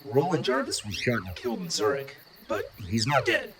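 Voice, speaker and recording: A computer voice in a male register, playing a calm, humorless AI with a synthetic robot sound and stiff, overly literal phrasing. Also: mid-range voice, normal speed, a crowd in the background. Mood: flat literal.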